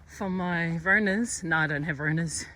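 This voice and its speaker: Out of breath and sighing on the climb, this young woman chats through her hiking vlog, walking with her phone in hand to record, sounding chesty from a cold. Her voice is on the low side, pushed and bright, at a moderate pace, with a little hiss or hum.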